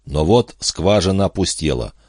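A man reads an audiobook in steady, measured scripted narration. His voice is very deep and recorded dry and close. The delivery stays even and unhurried. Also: slightly rough, dry recording.

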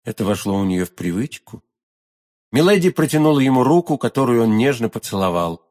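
A man narrating a classic novel as an audiobook reader, with expressive storytelling. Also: mid-range voice, a little fast.

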